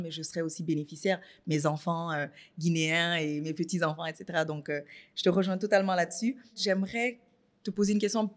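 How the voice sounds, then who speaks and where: A woman from Guinea, raised in Canada, interviewing a guest with thoughtful, engaged questions. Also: on the low side. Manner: engaged, thoughtful, with frequent affirmations.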